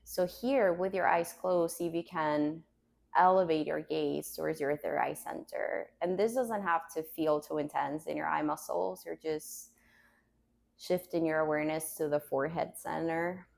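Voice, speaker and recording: A woman meditation teacher leading a grounding exercise in a calm, gentle way with unhurried pauses. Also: sits low, creaky.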